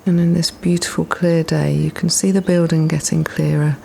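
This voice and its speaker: A woman leading a guided meditation in a soft, breathy, often near-whispered voice, soothing and gently instructing with unhurried pauses. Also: deep voice, little pitch movement. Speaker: guided relaxation practitioner.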